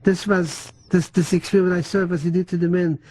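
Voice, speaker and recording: An older man who is not a native English speaker gives oral history testimony in a halting way, full of restarts and German words. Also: high-pitched, steady tone, a little mellow, slightly rough, low-quality recording. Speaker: interviewee.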